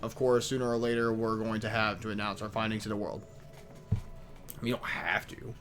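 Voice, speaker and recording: A man's voice: fairly low pitch, level tone, normal speed, a bit bright. A man reading a visual novel aloud as a let's play host, tripping over words, restarting lines and muttering complaints between them. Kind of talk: reading game text aloud with casual asides.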